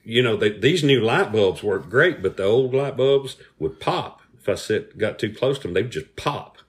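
A man's voice: medium pitch, lively intonation, moderate pace. A middle-aged man with a Southern US accent, telling comic stories casually as a podcast co-host.

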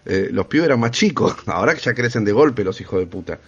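A man's voice: fairly low pitch, animated, brisk, breathy edge. A young man with a Rioplatense Spanish accent, casually telling school stories among friends in slangy, laughing talk. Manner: slangy, laughing, acts out voices in anecdotes. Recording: dull lo-fi recording.

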